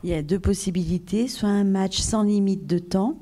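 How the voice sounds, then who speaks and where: A woman doing live consecutive interpreting, halting as she searches for words. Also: mid-range voice, dark tone.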